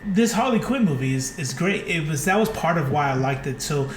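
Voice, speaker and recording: In an echoey room, a man in his late thirties co-hosts a podcast, chatting casually in an enthusiastic, rambling way packed with fillers. His voice is a little high, animated, and a little fast, with a slight hiss or hum on the recording.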